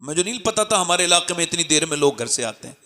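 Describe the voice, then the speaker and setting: A man preaching a sermon to a live audience, moving from calm storytelling to impassioned shouting and urging the crowd to call back. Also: on the high side, quick pace, big-room sound. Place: religious gathering with a live audience.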